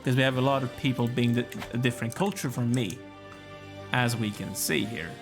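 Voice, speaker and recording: Over music, a tired, yawning man with a mid-range voice talks a little fast as he plays a strategy game. He muses aloud and chats casually to the characters on screen, let's-play style.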